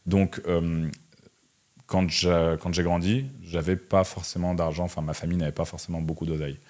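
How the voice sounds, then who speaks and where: A young entrepreneur and online content creator from Russia, in his twenties, answers an interviewer informally in a very low, slightly mellow voice. He speaks at normal speed with little pitch movement, leaning on slang and conversational tags.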